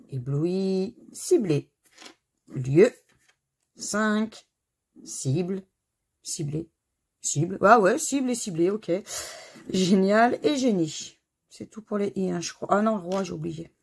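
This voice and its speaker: A woman's voice: mid-range voice, lively intonation, slow pace, a little mellow, slightly rough. A middle-aged woman casually commenting as she scratches crossword lottery tickets at home, chatty and self-mocking, spelling out letters one by one. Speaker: scratch-card video host. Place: home corner under renovation.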